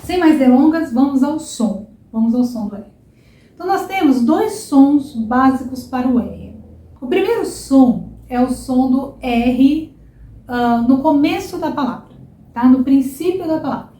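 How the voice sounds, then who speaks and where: A woman's voice: high voice, expressive, unhurried, dark tone. A young woman from São Paulo with a Paulista accent gives an online Portuguese pronunciation lesson and keeps checking in with "tá?" and "ok?". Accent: São Paulo Brazilian Portuguese. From São Paulo, Brazil. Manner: explanatory, often checks in with "tá?" and "ok?". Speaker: Portuguese teacher. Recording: echoey room, faint background hiss.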